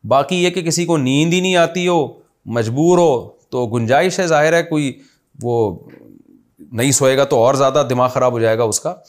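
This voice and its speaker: A man's voice: mid-range voice, normal speed. A man with a Pakistani Urdu accent answering listeners' religious questions in a conversational way, explaining with examples. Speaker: Islamic scholar answering questions.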